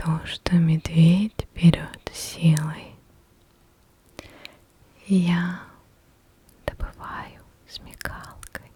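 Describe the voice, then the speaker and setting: A woman whispering ASMR affirmations in a soft, breathy, barely audible voice, repeating phrases as they fade away. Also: lowish voice, little pitch movement. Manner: very slow, repeats phrases in fading echoes. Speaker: ASMR creator.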